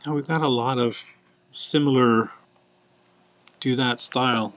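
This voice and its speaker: A man's voice: medium pitch, steady tone, measured pace, fairly bright tone, no room sound. Male host, casual live product showcase, rambling, lots of ums, muffled lo-fi sound, dead dry room. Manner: chatty and rambling, with many fillers.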